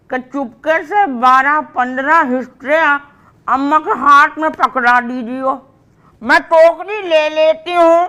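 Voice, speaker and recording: A woman's voice: sits high, pushed and bright. An older woman with an old plays a scolding mother in a comedy drama, tossing out proverbs as she talks. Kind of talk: scripted comedy drama dialogue.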